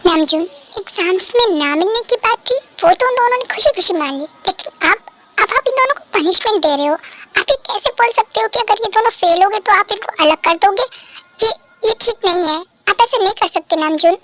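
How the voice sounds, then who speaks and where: A woman voicing a worried mother pleading for her children in a fan dub, very high voice. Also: expressive, normal speed, sharp tone, a little hiss or hum, full character voice. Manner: pleading, anxious.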